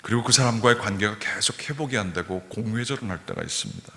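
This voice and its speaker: A man's voice: on the low side, huge pitch swings, fast talker, creaky, pushed and bright. A man preaching at a revival meeting, earnest and repeating key phrases for emphasis. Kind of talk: sermon. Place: church sanctuary. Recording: reverberant church hall.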